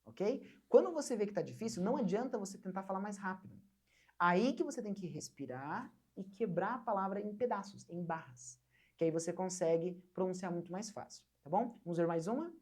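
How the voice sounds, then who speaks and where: A young woman from Brazil teaching an online English lesson, patiently repeating words slowly for learners to copy. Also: medium pitch, lively intonation, darkish tone.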